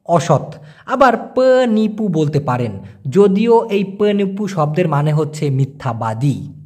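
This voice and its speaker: A young man with a high, light voice gives a casual language lesson. He explains each word patiently and repeats it slowly, checking in with his listener as he goes. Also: sing-song, a little mellow, slightly rough. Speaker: language teacher.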